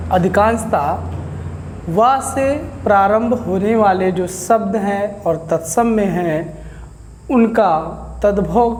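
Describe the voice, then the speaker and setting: Slow, deliberate male grammar teacher. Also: high-pitched, a little mellow, in a large hall, slight background noise. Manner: explains slowly, asks questions and answers them himself. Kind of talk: classroom lecture.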